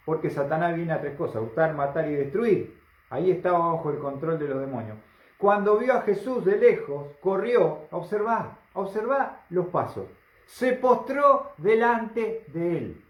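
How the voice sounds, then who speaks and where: A man preaching a sermon, emphatic and full of rhetorical questions to the congregation. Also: on the high side. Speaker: pastor. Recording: roomy, slightly dull recording.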